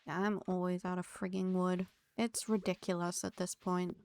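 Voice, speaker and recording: A woman's voice: on the low side, level tone, moderate pace, gravelly, darkish tone. A woman streaming a farming game, chatting casually to her viewers and her pets with jokey asides. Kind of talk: casual gameplay commentary.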